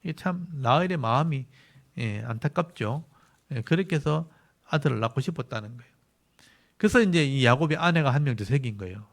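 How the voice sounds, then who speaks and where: Korean pastor with a Gyeongsang accent. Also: male voice, mid-range voice, lively intonation, fairly quick. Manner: explains patiently, repeats key words for emphasis. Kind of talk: Bible lecture sermon.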